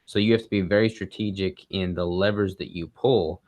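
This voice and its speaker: Deep-voiced bodybuilder man. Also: dry recording, dull audio. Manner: quick, relaxed explaining with casual fillers. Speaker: bodybuilder guest. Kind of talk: casual interview chat.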